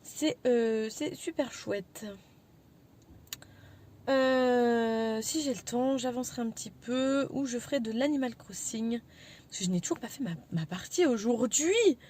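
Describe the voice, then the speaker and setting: A woman chats informally as a vlogger. Her voice sits a little high yet has a very soft, dark-edged tone. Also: a little slow, a little hiss or hum. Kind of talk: casual chatty vlog about daily chores.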